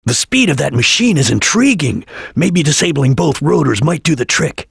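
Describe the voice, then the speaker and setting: A man voicing a serious, disciplined ninja chameleon in a video game, with a husky, gravelly voice and a terse, stern, deliberate manner. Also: fairly high pitch, very animated, no room sound, clean studio sound, full character voice. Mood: calm, tactical. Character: serious, disciplined male ninja chameleon detective, cool and tactical. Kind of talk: video game character voice lines.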